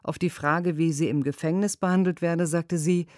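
A woman's voice: on the low side, fairly even intonation, moderate pace, a little mellow, no room sound. Earnest female voice-over for a lawyer's answers, dry and close. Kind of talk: read translated interview answers.

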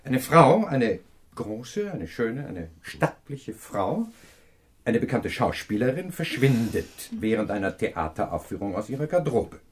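An actor playing a pompous, self-assured professor and amateur detective in a radio crime drama, lecturing in a pedantic manner. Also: male voice, mid-range voice, very animated, unhurried.

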